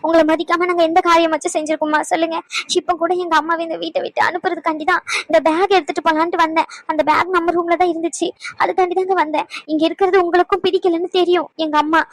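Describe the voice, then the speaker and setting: A woman's voice: extremely high pitch, level tone, racing, dry recording. An actress playing an anxious young wife who pleads and apologises to her husband. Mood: pleading. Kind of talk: Tamil family drama acting.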